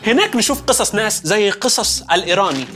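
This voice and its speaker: A man's voice: high voice, animated, fast. A man with an Egyptian accent hosts a comedic science show. He narrates playfully and keeps turning to the viewer as "dear". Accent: Egyptian Arabic. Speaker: host.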